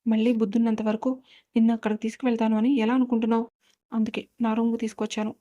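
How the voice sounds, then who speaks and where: A stern, bossy young husband in a storybook reading, giving curt and scolding orders, as a woman narrator puts him on. The voice sits fairly high and stays flat, with a dark, mellow tone. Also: very fast, lightly acted.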